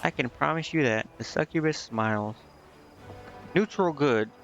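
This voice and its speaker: A man with a slightly high, fairly bright voice speaks at normal speed while streaming a game. He comments casually and reads dialogue aloud in a hesitant, stumbling way. The audio is a bit muffled, with game music behind.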